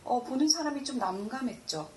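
Woman playing a melodramatic Frenchwoman, high and roomy. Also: lively intonation, brisk, darkish tone, a little hiss or hum. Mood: gossipy. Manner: melodramatic, sprinkles French words into Korean. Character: theatrical Frenchwoman, acquaintance of an eccentric artist.

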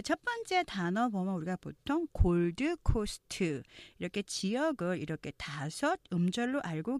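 Her voice sits in the mid range with a slightly mellow quality, captured as clean studio sound without echo. She's teaching English pronunciation online, breaking each point down step by step, modeling phrases in a slow, exaggerated way and having learners echo her.

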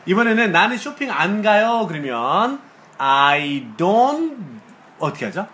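A man's voice: high voice, very animated, slow pace, pushed and bright. A man teaching English to a student, drilling phrases and praising her readily. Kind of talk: live English lesson with a student.

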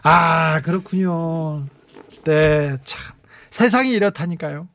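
A man hosting a late-night radio show, chatting and reading listener messages with warm, teasing asides. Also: on the high side, slow, no echo. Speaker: radio DJ host. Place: radio studio. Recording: music playing faintly behind.

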